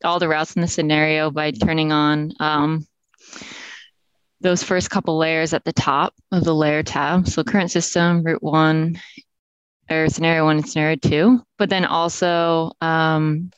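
A woman, a software engineer, heard over a video call as she calmly walks colleagues through a map tool step by step. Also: deep voice, measured pace, clean tone, no echo. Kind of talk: casual explanation on a video call. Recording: dull lo-fi video call audio, dry.

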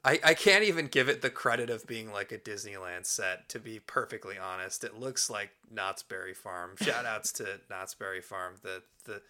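Bright, forceful man hosting a podcast. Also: lowish voice, moderate pace, few pauses. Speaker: podcast host. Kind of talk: casual chat about a film.

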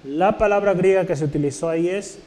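A man's voice: sits high, brisk, a little mellow. A man preaching a Bible lesson, addressing his listeners politely and often checking that they follow while he writes words on a board. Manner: addresses listeners formally, writing terms on a board as he teaches; asks frequent checking questions. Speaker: preacher teaching a Bible class. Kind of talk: sermon.

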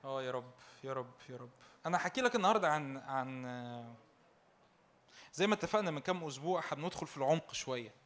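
A man's voice: mid-range voice, lively intonation, quick pace, fairly bright tone. A young man preaching a sermon with an Egyptian Arabic accent, fervent and repetitive, raising his voice in exhortation and slipping in joking asides.

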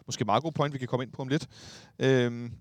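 A man's voice: mid-range voice, steady tone, no room sound, clean studio sound. A Danish man hosting a podcast, hesitant with many fillers, reading out listener messages. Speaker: podcast host.

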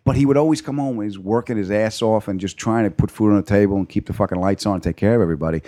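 A man's voice: fairly low pitch, racing. A male comedian telling casual anecdotes, acting out quoted lines and swearing freely. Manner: animated, profane, acts out quoted lines. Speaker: stand-up comedian guest.

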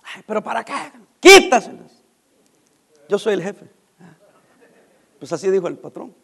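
Lively high-voiced Mexican man telling stories. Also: a little slow, vocal fry, husky. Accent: Mexican Spanish. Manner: animated, acts out dialogue, laughs while telling. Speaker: storyteller. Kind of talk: casual anecdote to listeners.

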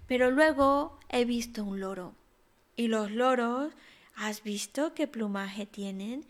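Woman doing a dreamy unhappy swan from a fable, kinda higher voice. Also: slow pace.

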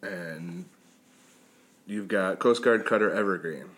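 A man's voice: deep voice, slow, a bit bright. A man hosting an interview, asking short questions and summing up his guest's answers. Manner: brief prompts and summaries. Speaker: interviewer, podcast host.

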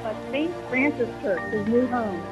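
A woman's voice: on the high side, animated, moderate pace, loud music behind the voice. A chatty, eager woman calling in to a radio show on a speakerphone. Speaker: caller. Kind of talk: call-in radio chat. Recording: caller on a speakerphone over a phone line.

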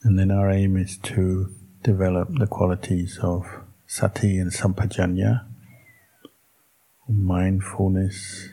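A Buddhist monk guides a meditation, calm and measured, leaving long pauses between short phrases. He has a deep, husky voice, and the audio is poor.

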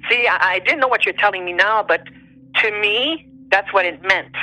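A woman's voice: mid-range voice, moderate pace, pushed and bright, faint music behind, rough recording. A woman who is not a native English speaker tells personal stories conversationally, searching for English words as if translating in her head. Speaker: interview guest telling personal stories.

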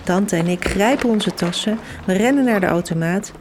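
A young adult woman hosting and reading a children's book aloud as a lively storyteller who gives the characters' lines their own voices. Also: mid-range voice, moderate pace, noisy background. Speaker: host and storybook reader.

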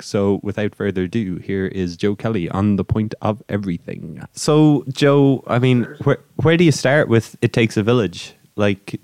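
Irish guy hosting a podcast, kinda low voice, dry sound, casual n a bit hesitant. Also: darkish tone, dry recording. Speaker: podcast host. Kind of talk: casual podcast introduction and interview.

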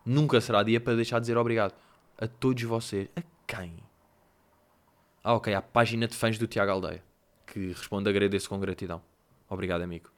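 A man's voice: lowish voice, fairly even intonation, fairly quick. A young man with a European Portuguese accent hosting a casual solo monologue, telling stories in a rambling, slangy, self-mocking way. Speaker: podcast host.

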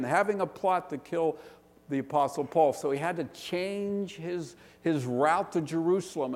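A gravelly, mid-range male voice with a Western Pennsylvania accent from around Pittsburgh preaches a sermon, asking rhetorical questions and building slow, emphatic lists with real earnestness. The big hall he's in gives everything a long, echoing reverb.

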